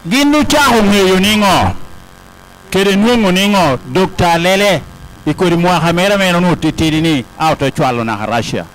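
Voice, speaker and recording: A man interprets a podium speech in a high voice. He relays it aloud, one short phrase at a time. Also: lively intonation, moderate pace, fairly bright tone, low-quality recording. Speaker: consecutive interpreter at a ceremony.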